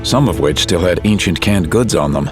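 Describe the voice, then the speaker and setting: A man narrates an audio drama in a low-pitched voice, steady and measured like a storyteller. A clear music bed runs beneath his reading.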